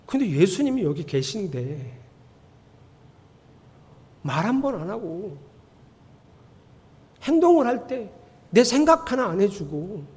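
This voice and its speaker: Male pastor, high and expressive sermon voice, long reverberant hall sound. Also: slow pace, long pauses. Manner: animated storytelling, rising to near-shouting emphasis. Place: church sanctuary.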